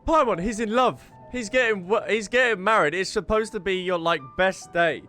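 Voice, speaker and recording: A gaming streamer gives playful let's-play commentary, teasing and animated and often breaking into giggles. His voice is high and at a normal speed, with faint game music behind it.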